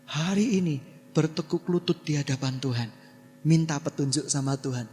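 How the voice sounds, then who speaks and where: A male pastor preaching a sermon. He swings between loud exclamations and quiet asides. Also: fairly high pitch, moderate pace, slight background noise. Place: church hall. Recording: long church-hall reverb.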